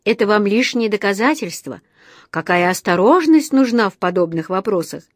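A woman's voice: mid-range voice, lively intonation, moderate pace, no echo, clean studio sound, natural voice. Courteous elderly male shopkeeper, read by a woman, kindly and patient. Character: kindly polite elderly male antique dealer.

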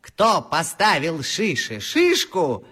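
An actor playing a confident animal friend who recites in rhyme in a children's audio story. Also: male voice, a little high, wildly swooping pitch, slow pace, pushed and bright, slightly rough, heavily acted. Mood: knowing.

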